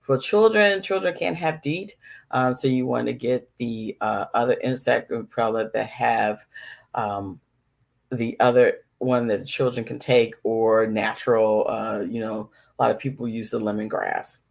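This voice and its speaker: Gravelly-voiced woman doctor giving travel tips. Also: a bass voice, a little slow. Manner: chatty, listing tips with many ums and asides. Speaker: physician host. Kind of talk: casual health advice talk.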